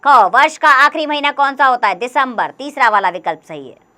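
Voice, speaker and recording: A young woman teaches a children's grammar lesson. Her voice sits high and sounds clear and sharp. She talks patiently and encouragingly, often counting things out loud one by one. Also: very animated, brisk. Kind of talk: explaining a workbook lesson to children.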